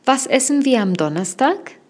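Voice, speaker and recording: Slow, patient woman teaching German words. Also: high-pitched, expressive, darkish tone. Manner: patient, clearly enunciating drill prompts. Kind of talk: slow language lesson with repetition drills.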